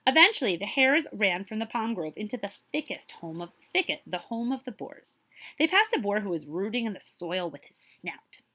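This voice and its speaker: A librarian, a woman with a mid-range voice, reads a children's story aloud at a normal speed. She gives it dramatic, expressive emphasis and asks her young listeners questions.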